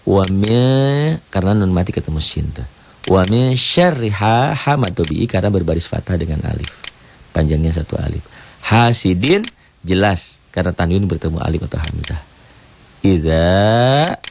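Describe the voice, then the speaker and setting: A man's voice: low-pitched, animated, normal speed, creaky, darkish tone. A man teaching Quran reading rules on a radio program, explaining patiently step by step and pointing things out as he goes. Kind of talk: radio tajwid lesson. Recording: radio broadcast with faint hiss.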